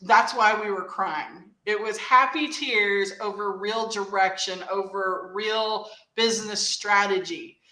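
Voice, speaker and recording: A woman hosting a casual chat, telling stories in an animated way and laughing easily. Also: mid-range voice, takes it slowly, few pauses, echoey room, poor audio. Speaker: host.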